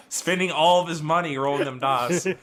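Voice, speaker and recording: A man's voice: on the high side, normal speed, noisy background. A man hosting a podcast in a casual, jokey way, laughing often. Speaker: podcast host.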